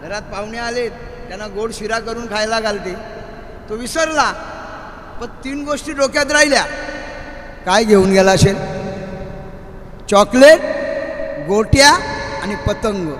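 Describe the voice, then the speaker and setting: Marathi preacher guy, high voice, big echoey hall with long reverb, asks the crowd questions. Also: a little hiss or hum. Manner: animated, rising to shouts and dropping to quiet asides, questions to the audience. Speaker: kirtan preacher. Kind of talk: devotional sermon with storytelling. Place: large hall at a memorial gathering. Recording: echoey hall with faint ambience.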